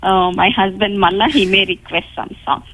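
A woman's voice: mid-range voice, steady tone, normal speed, a bit bright, no echo. A woman from Pennsylvania calling into a radio show over the phone, talking hesitantly with fillers. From Pennsylvania, USA. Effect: heard over the phone. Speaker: radio call-in caller. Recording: tinny phone line.

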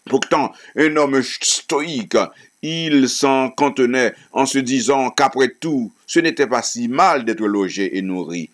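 A man's voice: mid-range voice, animated, slow pace. A man reading a novel aloud, stumbling and restarting words now and then. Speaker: reader.

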